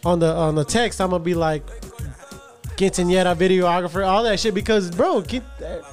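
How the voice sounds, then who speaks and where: A man's voice: high voice, steady tone, fairly quick, soft background music. A man hosting a podcast, chatting loosely with slang, swearing and tripping over his words. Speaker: podcast host. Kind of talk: casual podcast chat.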